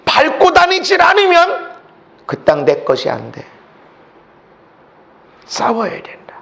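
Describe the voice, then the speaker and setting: A male pastor preaching a sermon, swinging from shouts to hushed asides and acting out the voices he quotes. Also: a little high, gravelly. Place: church sanctuary.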